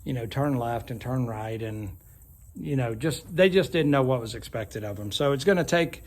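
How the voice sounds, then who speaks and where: A man talking casually and matter-of-factly to viewers outdoors as he drives horses, in an unhurried way. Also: mid-range voice. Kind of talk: casual vlog talk. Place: outdoors, driving a horse team. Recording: very loud outdoor noise with clip-clopping hooves. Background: horse hooves, loud ambient noise.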